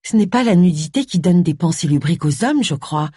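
A woman's voice: lowish voice, animated, fairly quick, mellow, slightly rough, dry recording, studio quality. A woman voicing a matter-of-fact young female assistant in an audiobook. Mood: dry.

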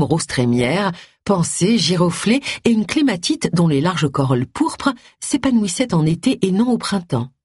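Husky woman reading an audiobook. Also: fairly low pitch, no room sound, studio quality. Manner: calm measured reading. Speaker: audiobook narrator. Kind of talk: scripted narration.

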